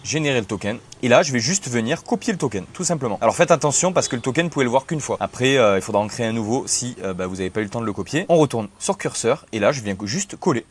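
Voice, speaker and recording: A young man casually explaining software setup step by step in a tutorial video. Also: medium pitch, lively intonation, quick pace, hardly any pauses, breathy edge. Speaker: tech tutorial host. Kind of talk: screen-recorded software tutorial.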